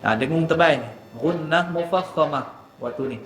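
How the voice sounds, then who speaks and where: A man teaching Quran recitation in a mosque class, drawing out letter sounds slowly before explaining quickly. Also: a little high, fairly bright tone, slight background noise. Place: mosque hall. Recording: echoey mosque hall with faint ambience.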